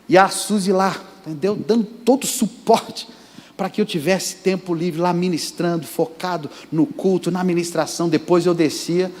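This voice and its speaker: A Brazilian Portuguese-speaking man preaching a sermon as pastor, emphatic and speaking straight to the congregation. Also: high-pitched. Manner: emphatic, addresses the congregation directly. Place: church sanctuary. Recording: church reverb.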